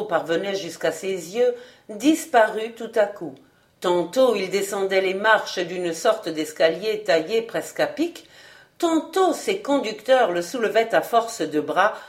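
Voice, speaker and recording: Lady reading an old novel out loud, expressive audiobook narration. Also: medium pitch. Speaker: audiobook reader. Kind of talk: scripted narration of a classic novel.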